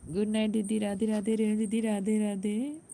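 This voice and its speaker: A woman's voice: medium pitch, little pitch movement, normal speed, warm tone, slight background noise. Chatty laughing woman on a live stream. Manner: chatty, laughing often, greeting viewers by name. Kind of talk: casual live-stream chat with viewers.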